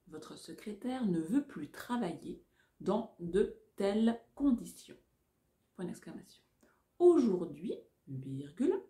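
A woman, around her forties, dictating like a teacher, deliberately and carefully articulated, phrase by phrase. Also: medium pitch, sing-song, dark tone, reverberant. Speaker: French teacher giving dictation. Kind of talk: dictating, reading phrase by phrase with punctuation spoken aloud. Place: small furnished room indoors.

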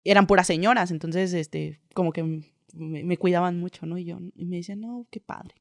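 A woman's voice: fairly low pitch, steady tone, fairly quick, vocal fry, dry recording. A young woman with a Mexican accent, a guest telling her own story in a casual, chatty way, full of slang and filler tags. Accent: Mexican Spanish.

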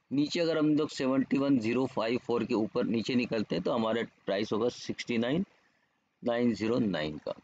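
Talking over on-screen charts, a man who teaches and hosts about stock trading breaks down the markets casually, repeatedly checking in with his audience. He has a mid-range, darkish voice, recorded as a dull, muffled lo-fi voice-over.

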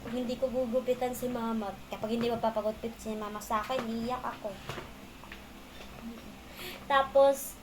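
A woman's voice: fairly high pitch, steady tone, noisy background. Woman telling a rambling personal story. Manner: rambling, halting, restarts often.

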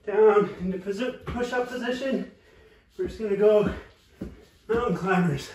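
A man's voice: high voice, normal speed. A man in his thirties leading a home workout as a fitness coach, calling out short instructions as he exercises. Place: living room at home, indoors. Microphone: far camera. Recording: roomy, distant camera mic with clear noise.

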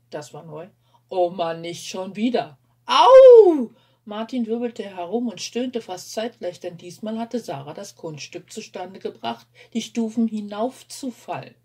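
A woman reading a novel aloud in a lively, expressive way. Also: medium pitch, husky. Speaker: audiobook reader.

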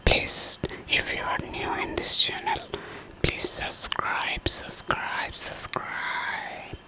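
A man in his twenties whispering soothing ASMR, breathy and very close to the microphone. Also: slow, poor audio. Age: 20s. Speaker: ASMR channel host. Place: small room indoors. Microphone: close fluffy-covered mic hung in front of the mouth.

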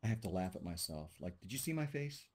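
A man with a deep voice and big pitch swings talks fast as he teaches a class over a video call, joking with students and thinking aloud. The computer mic catches a noisy background.

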